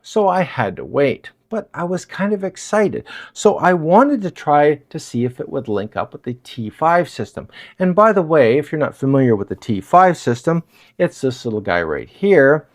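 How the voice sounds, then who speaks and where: A man talks through a gear review in his apartment, explaining things in a relaxed, chatty way. His pitch moves around a lot, which keeps the delivery animated. A clip-on wireless mic keeps the voice close. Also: normal speed. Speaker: product reviewer. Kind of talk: casual product review. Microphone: wireless lav mic.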